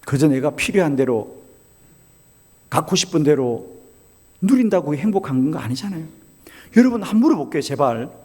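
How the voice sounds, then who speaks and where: A middle-aged male pastor with a slightly high voice delivers a revival sermon. He keeps asking his listeners questions and mixes jokes into the preaching. His voice rings through a church hall with a long echo. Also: big pitch swings, moderate pace, pauses often, mellow, slightly rough. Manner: humorous, asks the congregation many questions. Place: church sanctuary.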